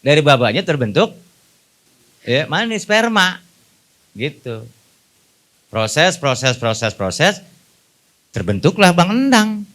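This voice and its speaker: A Betawi-accented preacher giving a lighthearted sermon at a mosque gathering. His pitch swings widely as he jokes and keeps quizzing the listeners in casual street talk. His voice sits a little high for a man. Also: very animated, takes it slowly, pauses often, a bit bright. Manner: jokey, colloquial, asks the audience questions. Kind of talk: humorous sermon.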